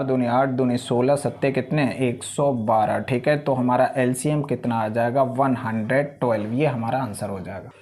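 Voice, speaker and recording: A man's voice: mid-range voice, darkish tone. A man teaching an exam-prep math lesson, talking through each step patiently and often checking in with the class.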